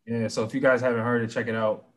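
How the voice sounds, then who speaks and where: A man's voice: medium pitch, little pitch movement, quick pace. A man hosting a podcast, chatting casually and often stumbling over and repeating his words. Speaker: podcast host.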